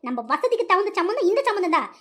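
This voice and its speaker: Someone voicing a domineering, money-minded cartoon mother who lectures her son. She scolds and bosses him in a very high-pitched voice at a quick clip. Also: sing-song, bright, forceful tone, heavily acted. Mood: scolding. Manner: scolding, bossy, colloquial. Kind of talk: cartoon voice acting.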